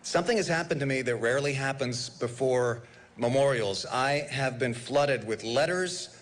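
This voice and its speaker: Pastor speaking at a pulpit microphone. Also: male voice, medium pitch, moderate pace. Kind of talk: formal memorial address. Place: large public memorial service.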